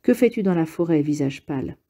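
A woman voicing a loud, quarrelsome old male partisan with a husky voice, in an audiobook reading. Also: deep voice, lively intonation, brisk. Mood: grumbling, mocking. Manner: exclaiming, quarrelsome, grandiose.

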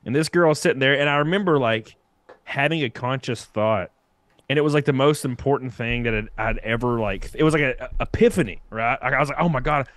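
A man's voice: mid-range voice, a little fast, fairly bright tone, no echo. Laid-back man telling a wild story. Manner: rambling, laughing at his own story. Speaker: podcast guest. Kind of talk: casual storytelling.

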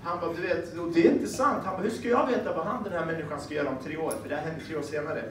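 Animated young man doing stand-up in a club. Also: on the high side. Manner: animated storytelling, acting out dialogue. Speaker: stand-up comedian. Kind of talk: stand-up comedy set. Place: comedy club stage. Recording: echoey club room, far-off mic, crowd noise.

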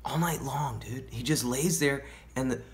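A paranoid young stoner rambles on about conspiracies, played by a male actor in a self-tape monologue. He keeps tossing in "dude" and "man". His voice lurches from loud, high bursts down to hushed whispers. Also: normal speed, close to an everyday voice. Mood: paranoid rambling. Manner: drops into hushed whispered asides; wildly swinging pitch and loudness.

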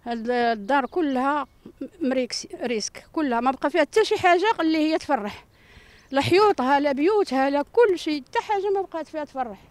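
A woman's voice: high-pitched, expressive, fast talker. An older woman with a Moroccan accent, giving a distressed, repetitive plea in a street interview into a handheld microphone. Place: outdoor rubble-strewn yard. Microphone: handheld reporter microphone.

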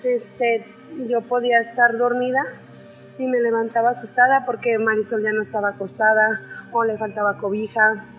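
Woman, fairly high and crisp voice, chatty storytelling, faint music underneath. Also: little pitch movement, normal speed, a bit bright, low-quality recording. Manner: conversational, with frequent fillers and restarts. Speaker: storyteller sharing a personal experience. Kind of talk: casual spoken storytelling.

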